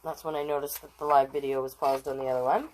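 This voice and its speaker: She has a bass voice and talks fast, and the recording is low quality with slight background noise. Hosting storytime as a drag king reader, she gives a children's picture book an expressive reading, breaking off for chatty asides to the live audience.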